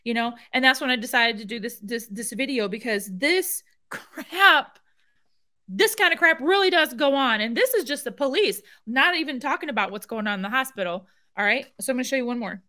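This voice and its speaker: A woman's voice: on the high side, fairly quick, pushed and bright. A woman hosting a vlog, commenting on video clips in an emphatic, indignant way. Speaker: vlog host.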